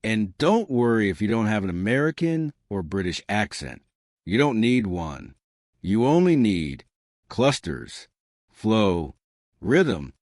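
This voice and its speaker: A man giving scripted English lessons in short, emphatic, measured phrases. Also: lowish voice, big pitch swings, darkish tone, dry recording, clean studio sound. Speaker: English pronunciation teacher. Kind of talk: scripted instructional narration.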